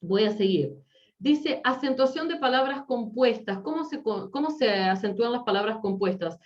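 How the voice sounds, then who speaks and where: A woman's voice: fairly high pitch, lively intonation, normal speed. A female teacher giving a lecture in an online class, who explains patiently and keeps checking that students follow. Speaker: Spanish teacher. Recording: slightly distant, dull lo-fi mic.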